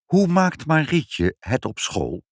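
A man's voice: medium pitch, wildly swooping pitch, moderate pace, dry recording, studio quality, voice pushed up. A man voicing a kind, sweetly sly mother in a storybook reading. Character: sweet clever mother, gentle woman.

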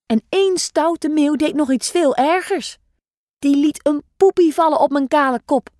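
A woman's voice: high voice, moderate pace, darkish tone, no echo, clean studio sound, natural voice. A woman voicing a playful, joking grandfather who teases the children with a silly tale. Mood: teasing.

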